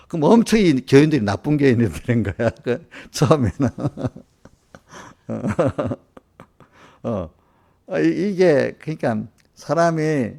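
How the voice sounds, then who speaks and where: A man's voice: medium pitch, creaky, a little mellow. A middle-aged male pastor, preaching in a chatty, folksy way and checking his listeners' agreement. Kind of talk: conversational sermon. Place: church service.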